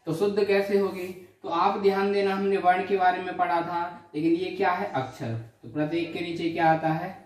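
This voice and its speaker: A man teaching Hindi grammar in a classroom lecture. He asks questions, answers them himself, and draws out each letter sound slowly. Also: sits high, flat delivery. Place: coaching centre classroom. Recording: echoey classroom, voice from far off.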